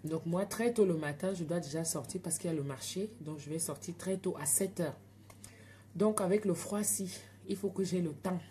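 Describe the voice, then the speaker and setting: A woman with an African French accent, hosting a casual live stream from home. She chats and tells stories in a lowish, animated voice, speaking straight to her viewers over a phone, with a faint hiss in the background. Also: normal speed. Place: home at night.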